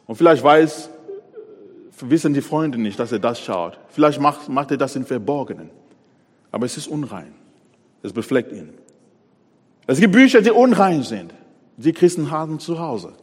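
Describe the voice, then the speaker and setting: A man preaching a sermon, pressing hard on key words, then dropping to a quiet voice. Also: fairly high pitch, slightly rough, in a large hall. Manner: emphatic, swings between loud stresses and quiet drops.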